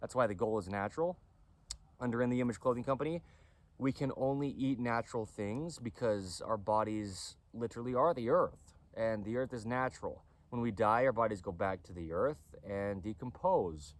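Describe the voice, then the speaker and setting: A man's voice: mid-range voice, normal speed. A man giving a casual lecture to camera on body mechanics, often stopping to ask "okay?". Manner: repetitive, keeps asking "okay?". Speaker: clothing company owner explaining anatomy.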